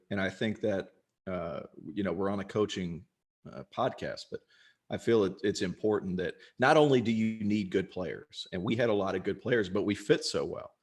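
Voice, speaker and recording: A young man and former college player talking casually in an interview, chatty and self-deprecating, with frequent restarts. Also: lowish voice. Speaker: podcast host and former college basketball player.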